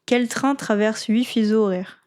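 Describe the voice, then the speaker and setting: A woman hosting a casual interview and running a quiz, self-deprecating and relaxed in manner. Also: fairly high pitch, unhurried. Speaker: host.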